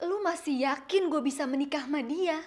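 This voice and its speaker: A woman's voice: high voice, a little fast, close to an everyday voice. An actress playing a frustrated, scheming mother in a TV soap, talking in exasperated colloquial slang. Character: frustrated scheming mother rejected by the man she wants. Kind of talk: Indonesian TV soap drama acting.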